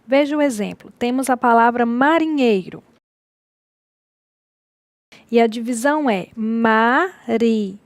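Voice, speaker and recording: Soft-spoken woman teaching a lecture. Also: on the high side, dry recording. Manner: slow, explanatory, repeats key words. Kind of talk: recorded distance-learning lecture.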